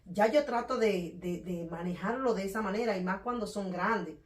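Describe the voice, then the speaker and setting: A woman from the Dominican Republic with a Dominican accent, talking loudly and quickly in a casual conversation about faith and handling anger. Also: medium pitch. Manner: loud, fast, animated talker. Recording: echoey room, voice from a distance.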